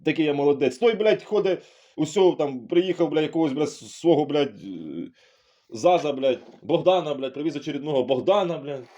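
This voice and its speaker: A man's voice: fairly high pitch, expressive, normal speed, warm tone, muffled recording. A middle-aged man giving a profane, heated and sarcastic monologue as a political commentator. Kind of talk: ranting monologue.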